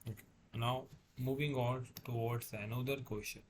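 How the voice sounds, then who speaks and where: A man lecturing as a tutor, working through a problem step by step in a halting way, repeating and correcting himself. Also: mid-range voice, steady tone, a little hiss or hum. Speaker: engineering tutor.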